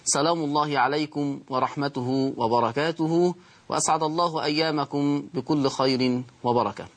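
A man with an Egyptian accent teaches Quran recitation, his voice slightly high and husky. He says words slowly and repeats them to demonstrate each pronunciation, moving between formal phrasing and relaxed colloquial explanation. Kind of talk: episode of a recitation lesson.

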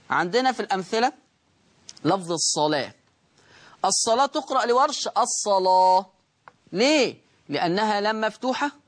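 A man's voice: high-pitched, a bit bright. Egyptian male tajweed teacher who stretches out recited words and quizzes students, then answers for them. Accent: Egyptian Arabic. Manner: explains slowly, drawing out the recited words; asks the class questions and answers them himself. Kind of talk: tajweed lesson.

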